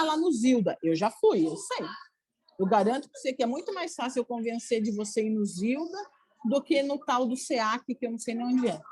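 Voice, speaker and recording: Husky-voiced woman leading a study talk. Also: a little high, low-quality recording. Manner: animated, acts out little dialogues, says "né, gente?" a lot. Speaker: spiritist study group speaker.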